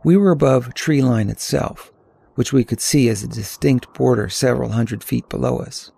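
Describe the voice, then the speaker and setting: An older man reads a first-person tale aloud, calm and descriptive. His voice is heavily gravelly and husky, with a dark, mellow tone. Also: mid-range voice, dry recording. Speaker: narrator. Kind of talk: scripted audiobook narration.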